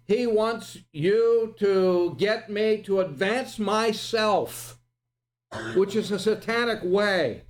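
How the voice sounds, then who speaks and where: A man preaching an expository sermon, quoting old-fashioned scripture verses and asking rhetorical questions. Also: high voice. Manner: quotes King James verses, rising dramatically on quotes.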